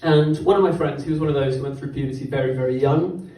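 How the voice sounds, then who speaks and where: A man's voice: mid-range voice, fast talker, warm tone. A young man doing a stand-up set in a comedy club, rambling and self-deprecating, with stumbles and restarts into a handheld microphone. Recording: roomy club sound from a distance.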